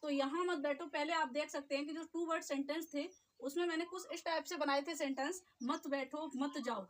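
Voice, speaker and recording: A woman teacher, explaining short sentences step by step and repeating each phrase slowly. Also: sits high, fairly even intonation, a little hiss or hum. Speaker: English teacher. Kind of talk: spoken English lesson.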